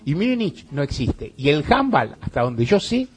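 A man's voice: a little high, sing-song, moderate pace, soft background music. A man hosting a radio talk show in Argentine Spanish, musing in a wry, ironic way and chuckling as he talks. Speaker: radio host. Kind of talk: casual radio monologue.

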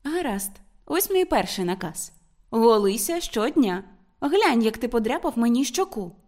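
A woman's voice: on the high side, a little slow. A woman voicing a refined young woman in an audiobook, reproachful and pleading. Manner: reproachful, pleading, raised and lively. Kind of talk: audiobook character reading.

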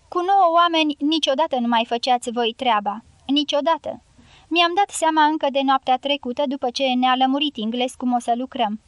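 A woman's voice: high-pitched, fairly bright tone, dry recording. A woman reading the part of a sullen male guerrilla leader in an audiobook, speaking bluntly and curtly. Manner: blunt, curt and self-justifying.

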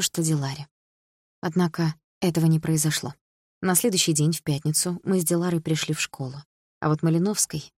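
Low, husky woman reading an audiobook. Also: a little mellow, dry recording, clean studio sound. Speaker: audiobook reader. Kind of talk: first-person audiobook narration.

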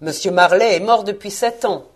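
A woman voicing a stern, miserly old man who answers in clipped, gruff phrases. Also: mid-range voice, moderate pace, close to an everyday voice. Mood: muttering.

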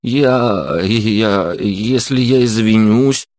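A man's voice: medium pitch, big pitch swings, slow, no echo, voice pushed up. A man voicing a terrified, cowardly young rich boy who stammers and pleads in an audiobook. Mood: scared, stammering. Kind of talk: audiobook character voice.

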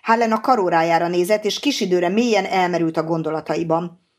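A woman reads a novel aloud as the audiobook narrator. Her voice is slightly low, and her storytelling stays even and clear. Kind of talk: scripted narration.

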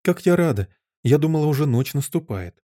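A man's voice: a little high, lively intonation, brisk, warm tone, dry recording, clean studio sound, pitched above the performer's own voice, lightly acted. A man voicing an earnest, curious little girl of seven in an audiobook. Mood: anxious. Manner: earnest, questioning.

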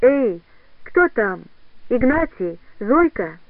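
A desperate young village woman begs and cries out in a heightened, higher voice, as a male narrator puts her on. The sound is tinny and phone-like, dry and close. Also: very animated, takes it slowly, dry recording, full character voice. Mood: calling out. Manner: pleading, sobbing outbursts.

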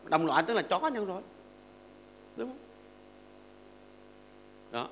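A man's voice: sits high, big pitch swings, slow pace, fairly bright tone. An older man, a Buddhist monk, giving a sermon to a seated audience. He keeps asking his listeners to agree and teaches with everyday stories and short verses.

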